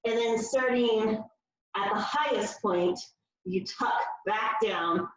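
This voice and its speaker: A woman's voice: on the high side, slow. A woman leading a floor workout class, giving step-by-step cues in an encouraging coaching manner while she demonstrates. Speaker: fitness class instructor. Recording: very echoey room, distant mic, slightly dull.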